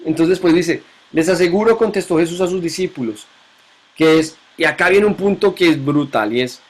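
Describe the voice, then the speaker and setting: In a classroom Bible lesson, a male teacher with a slightly high voice speaks at a moderate pace. He repeatedly questions his students and echoes the main points back to them.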